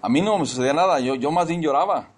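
A man's voice: a little high, fast. A man preaching a casual sermon, mixing personal testimony with scripture and often repeating or restarting his words.

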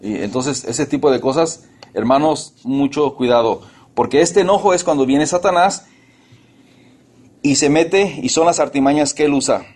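A man preaching an earnest sermon to his congregation, calling them brothers and mixing pleading prayers with animated asides. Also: fairly high pitch, normal speed, breathy edge.

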